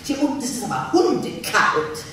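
Field: a woman playing a sharp-tongued, mocking wife on a stage. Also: high-pitched, very animated, normal speed. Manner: dry, mocking, bossy, breaks into laughter. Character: sharp-tongued unflappable middle-aged wife. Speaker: actress in a staged reading. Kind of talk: live comic sketch reading. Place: theater stage before an audience. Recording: echoey live theater recording from a distance.

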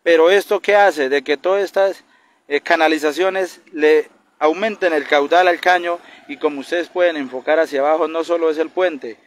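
A man's voice: on the high side, steady tone, normal speed. A man in his thirties, a community leader, urgently complaining in a street interview by a roadside, held mics close. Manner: urgent, indignant complaint, pointing things out. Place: roadside outdoors by a bridge. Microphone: handheld news mics held close. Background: passing traffic.

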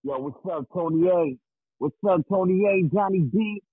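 A man calling in to a show on a muffled phone line that sounds like it comes through a wall, loud and hyped as he shouts people out. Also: high voice, moderate pace, husky, no room sound. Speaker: caller. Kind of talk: casual call-in chat.

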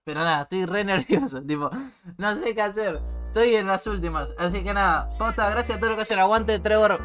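A man's voice: high-pitched, a bit bright, soft background music. Slangy young Argentine man streamer. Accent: Argentine Spanish. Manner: slangy, rambling, fast-flowing street talk. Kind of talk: freestyle rapping and thanking a stream chat.

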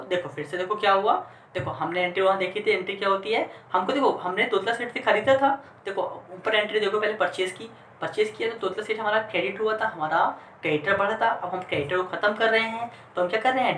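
Patient teacher, echoey room. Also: male voice, high voice, sharp tone. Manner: keeps checking that students follow along; mixes English terms into Hindi explanations. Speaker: accountancy teacher. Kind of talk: online class lecture. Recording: echoey room with faint ambient noise.

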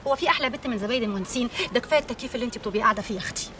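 A woman playing a brash, streetwise Egyptian saleswoman in a TV drama, high-pitched and rattling words off very fast. She sounds set back from the mic, with faint background noise. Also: far from the mic, crowd noise, natural voice. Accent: Egyptian Arabic. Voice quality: brash, teasing. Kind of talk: TV drama acting.

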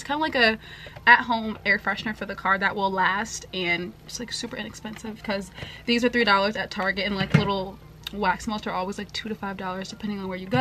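A woman's voice: medium pitch, a bit bright, slight background noise. A young woman in her twenties chatting casually to the camera in a home haul vlog, filling her talk with "like". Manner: chatty, filler-heavy, lots of "like". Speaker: vlogger. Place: bright room at home, indoors. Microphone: camera facing her at close range.

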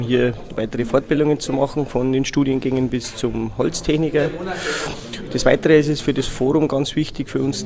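A man guild representative giving a rambling, loosely structured interview answer. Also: mid-range voice. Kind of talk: on-site interview.

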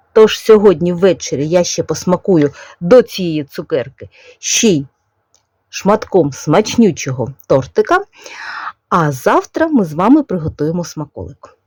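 A woman's voice: medium pitch, no room sound. A woman with a Ukrainian accent, chatting casually and unhurriedly in her vlog and explaining how to draw a character. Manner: chatty and unhurried, with soft diminutives. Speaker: knitting vlogger. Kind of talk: casual chat, explaining calligraphy.

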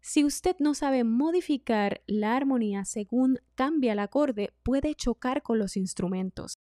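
A woman vocal coach, giving a singing lesson in a clear, instructive way. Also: fairly high pitch, animated, unhurried, no room sound, clean studio sound. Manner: clear instructive delivery, demonstrates loud and whispered speech.

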